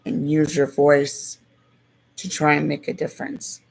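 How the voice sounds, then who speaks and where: A hoarse speaker who is losing their voice, giving a casual, slow and thoughtful civics explanation that circles back over its points. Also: mid-range voice, flat delivery, poor audio.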